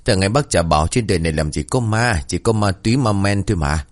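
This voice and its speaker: A man doing a gruff, short-tempered old ex-shaman. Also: sits low, animated, quick pace. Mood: mocking. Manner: gruff, scolding, swears.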